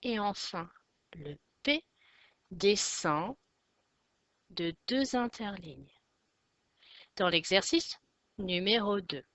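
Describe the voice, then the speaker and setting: Slow, bright-voiced woman teacher. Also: mid-range voice, no room sound. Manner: slow and deliberate, stressing each word loudly. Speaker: primary school teacher. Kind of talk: slow, careful recorded reading lesson. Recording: dry, dull lo-fi recording.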